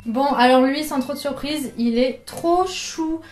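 A woman's voice: high voice, unhurried, darkish tone, roomy sound, soft background music. A young woman from France chatting casually through a clothing try-on haul, jokey and self-mocking. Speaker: fashion YouTuber. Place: room indoors under artificial lights.

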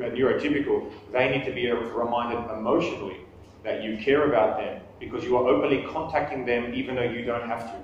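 A man with a medium-pitched voice gives a conversational live talk with questions indoors in a small meeting room, joking about himself and frequently restarting sentences. A distant camera mic on a table records him, so the room sounds echoey, with a little hiss or hum.

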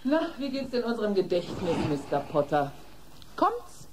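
An actress playing a bossy, scornful, experienced nurse, condescending and commanding, in a German horror radio play. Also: female voice, mid-range voice, very animated, moderate pace, background noise, lightly acted. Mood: brisk, condescending.

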